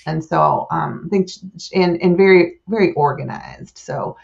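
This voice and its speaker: A woman's voice: lowish voice, normal speed, gravelly, darkish tone, lo-fi sound. Chatty woman hosting a staff wrap-up. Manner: chatty, enthusiastic, frequent fillers. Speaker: host of weekly staff wrap-up. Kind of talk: casual staff chat.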